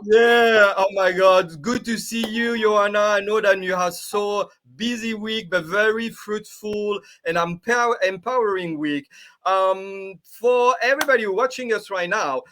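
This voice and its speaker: A man from France, a native French speaker, hosting a live online interview with an enthusiastic, excitable manner. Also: sits high, measured pace, a little hiss or hum. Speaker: host.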